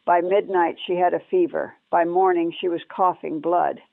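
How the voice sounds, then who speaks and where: A woman telling her memories of nursing in a somber, measured way, heard through an old lo-fi recording. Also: lowish voice, steady tone, creaky, no echo. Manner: somber, measured storytelling in short clauses. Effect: old lo-fi recording, tinny like archival radio. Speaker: former war nurse recounting memories. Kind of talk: first-person spoken memoir. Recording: tinny, dry old radio-style recording.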